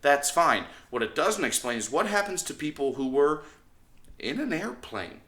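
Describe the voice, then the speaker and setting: A man's voice: a little high, sing-song, moderate pace, a bit bright. A man hosting a casual movie review, rambling and often doubling back on his phrases. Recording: echoey room.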